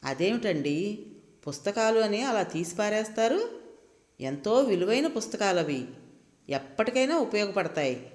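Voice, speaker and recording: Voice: medium pitch, very animated, a little slow, long pauses. A storyteller voicing a timid, hurt young wife who pleads hesitantly, recorded in a roomy space with a long reverb.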